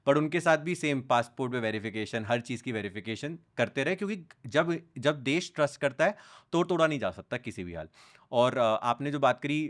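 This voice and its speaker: A young man, a guest on a podcast, telling animated stories in a casual chat and mixing English phrases into his talk. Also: mid-range voice. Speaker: news content creator, guest.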